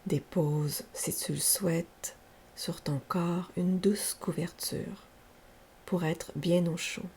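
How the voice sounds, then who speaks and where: A female yoga nidra instructor leads a relaxation in a quiet, breathy, gravelly low tone that often creaks. Unhurried and gentle, she lets every slow, calming instruction settle before moving on. A faint steady hiss sits underneath.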